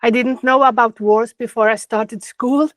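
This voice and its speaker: A woman from Norway in her thirties, hosting a podcast interview and reading prepared questions in a measured way. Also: a little high, fairly even intonation, no room sound. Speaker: podcast host.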